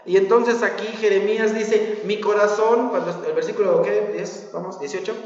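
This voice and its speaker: A man with a Mexican Spanish accent preaching a sermon, animated, full of rhetorical questions and acted-out quotes. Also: high voice, normal speed, heavy reverb, in a large hall, recorded from a distance, dull audio. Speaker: pastor. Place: church hall.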